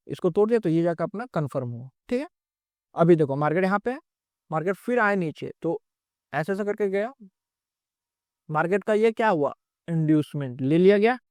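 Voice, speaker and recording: A man's voice: on the high side, darkish tone, no echo, studio quality. Man teaching trading charts. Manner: repetitive, explaining step by step. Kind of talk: screen-recorded lecture.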